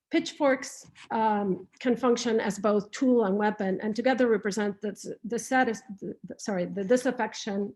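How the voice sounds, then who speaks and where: A woman's voice: medium pitch, a little mellow. A woman from Patagonia in Argentina giving an online artist talk, thoughtful and prone to restarts, heard over a video call. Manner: thoughtful, with frequent restarts and fillers. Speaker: visiting artist speaker.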